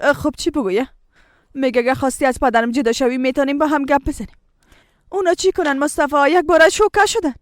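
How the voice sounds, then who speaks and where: A woman's voice: sits high, no room sound, clean studio sound, lightly acted. A woman with a Tajik accent voicing a worried, pious middle-aged mother in a dubbed TV drama, fretful and pleading with many sighs. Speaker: mother and wife in a family drama.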